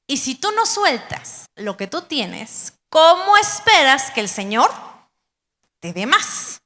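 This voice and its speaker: A woman pastor preaching a sermon, animated and acting out the voices of believers. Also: sits high, slow pace. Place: church hall. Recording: live church stream with long hall reverb.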